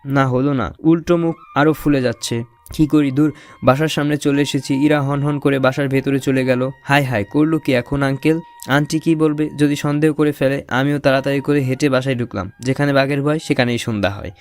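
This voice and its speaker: A man's voice: medium pitch, fairly even intonation, fairly quick. A young man narrating an audio romance story in first person, playful and teasing. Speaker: narrator and lead voice actor.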